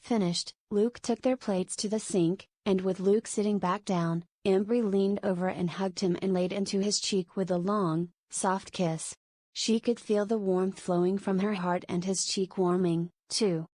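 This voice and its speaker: A woman narrating a novel as an audiobook in a steady, even reading. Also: medium pitch, a little slow, dry recording. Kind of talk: scripted narration.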